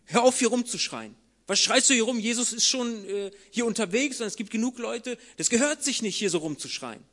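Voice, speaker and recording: A man voicing irritated bystanders who scold a shouting man, loud and reproachful. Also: extremely high pitch, lively intonation, a little fast, pitched above the performer's own voice, exaggerated voice.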